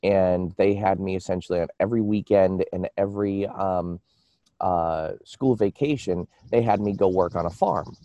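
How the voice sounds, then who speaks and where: An American man telling personal stories casually as an interview guest, in a halting, rambling way that often repeats words. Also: sits low, warm tone, no room sound, lo-fi sound. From United States.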